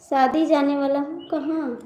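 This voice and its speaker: A folk singer with an Awadhi accent runs a casual live stream, reading viewers' comments, chatting and teasing them. She sounds high and mellow, a little slow, with fairly even intonation. Her room is echoey, with a faint hum of background noise.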